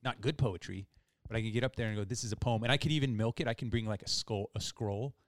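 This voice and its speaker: Man, podcast co-host, mid-low voice, easygoing, dry mic. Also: quick pace, no echo. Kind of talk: casual chat.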